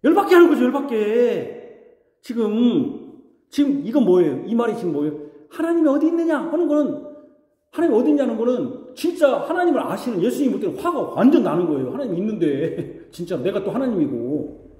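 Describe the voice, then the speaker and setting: A male pastor preaches with a lively, swinging delivery, firing questions at his congregation and slipping into mocking voices. His tone is mellow and rather high for a man. The sound rings with the long reverb of a church hall. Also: quick pace. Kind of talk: sermon. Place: church sanctuary.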